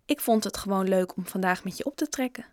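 A woman's voice: medium pitch, fast talker, no echo, clean studio sound, natural voice. A woman voicing a frank, kind schoolboy who speaks plainly and directly, in a storybook reading. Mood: frank friend.

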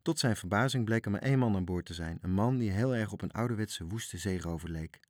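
A man narrating a children's storybook, reading in a measured, expressive way. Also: on the low side, dry recording, clean studio sound.

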